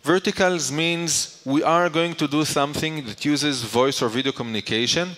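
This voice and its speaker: A man whose voice is a little high and a bit bright speaks at normal speed during a conference presentation. His style is explanatory, built on questions he then answers, and the large hall he's in is reverberant with a long echo.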